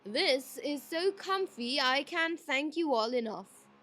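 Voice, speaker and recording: A woman performs a sly male trickster from a storybook. The voice is high and swoops upward with melodrama. The manner is folksy, cheerful and full of exaggerated thanks. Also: expressive, slow pace, sharp tone, slight background noise, exaggerated voice. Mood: smug, grateful. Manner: folksy, exaggerated, mock-grateful. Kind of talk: acted storybook dialogue.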